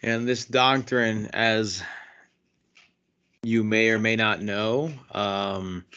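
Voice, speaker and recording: A man's voice: on the low side, level tone, very slow, bright, forceful tone, clean tone, dull audio. A man hosting a casual theological podcast, teaching with stammering restarts and frequent repeated words. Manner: stammering restarts, self-deprecating laughter. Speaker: podcast host.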